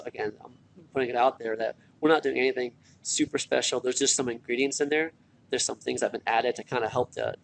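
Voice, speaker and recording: A man's voice: medium pitch, creaky, low-quality recording. A tired man talking casually and earnestly in a motivational vlog, repeating himself for emphasis, recorded in a hospital corridor. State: tired from little sleep. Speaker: online marketer and former military recruiter. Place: hospital, such as a corridor or waiting area. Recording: background noise in a hospital. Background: faint hospital ambience.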